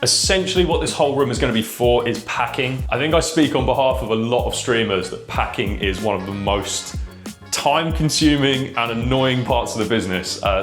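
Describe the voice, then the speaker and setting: A man's voice: medium pitch, fairly bright tone. A man giving a casual, informal video tour to camera indoors, explaining things in loose, filler-laced phrases. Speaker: vlogger and shop owner. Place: indoors in a shop being fitted out.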